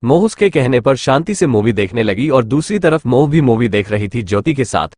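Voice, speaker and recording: A man's voice: mid-range voice, brisk, no echo. A man narrating an audio novel in scripted storytelling, close to a dry mic. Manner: storytelling, expressive.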